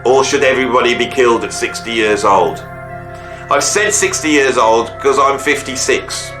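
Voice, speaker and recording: This clip has poor audio. A YouTube music host in his fifties, with a medium-pitched voice at a normal speed, muses to camera on his own, wandering through his thoughts, second-guessing himself, and tacking "right?" onto his remarks.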